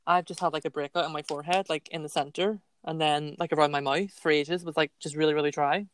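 A nineteen-year-old man co-hosting a podcast in casual chat, with a slight lisp on a sharp S, giggly and self-mocking. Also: on the high side, steady tone, fast talker, clean tone, dry recording. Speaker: podcast co-host.

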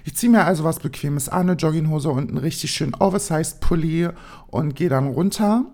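A woman's voice: deep voice, a little fast, mellow. A woman vlogger telling an imagined story in the first person, rambling and dreamy with lots of fillers. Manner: rambling, full of so and ähm fillers; dreamy, daydreaming tone.

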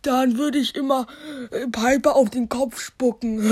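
A woman's voice: high voice, darkish tone, slightly rough. A woman voicing a silly, cheeky little blob creature in a playful fan story, rambling and stumbling over words.

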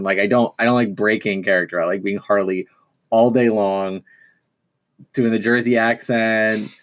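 A man telling stories in casual chat, enthusiastic and rambling. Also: lowish voice.

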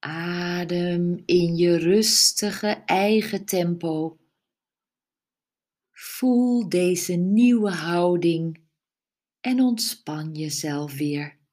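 A woman leading a guided relaxation meditation, giving soft, soothing instructions with long pauses. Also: lowish voice.

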